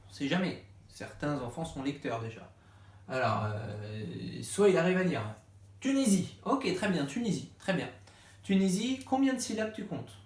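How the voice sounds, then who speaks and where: A man's voice: a little high, sing-song, normal speed, a little mellow. Patient male teacher in an echoey room. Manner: patient, step-by-step, acts out asking the child. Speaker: primary school teacher. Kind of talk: explaining a home lesson to parents.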